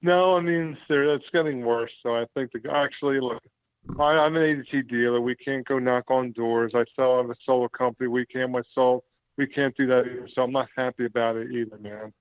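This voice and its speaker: Over a tinny phone line, a man in his fifties calls in to a radio show for a casual chat. A former co-host, he sounds earnest and agreeable, laughing often, his mid-range voice brisk and fairly even in intonation with no echo.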